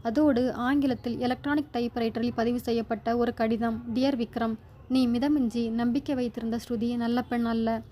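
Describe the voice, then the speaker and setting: Mellow-voiced woman narrating a story. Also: on the high side, flat delivery, a little hiss or hum. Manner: measured, dramatic reading. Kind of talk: scripted narration.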